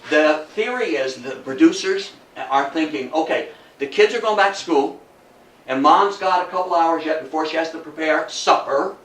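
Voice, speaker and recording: An older man from Athens, New York, in the United States, a local history lecturer, delivers an informal storytelling lecture indoors to a small audience at a normal pace, his pitch fairly high and his tone fairly bright. He's emphatic, with repeated phrases and rhetorical questions. The audio has room echo, a far-off mic and faint noise.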